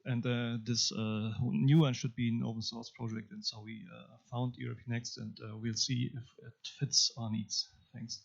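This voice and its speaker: A man's voice: mid-range voice, normal speed, creaky, hardly any pauses. A man at a conference introducing his IT company hesitantly. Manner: flat, hesitant. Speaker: IT company representative, attendee. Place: conference room. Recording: dull lo-fi livestream audio.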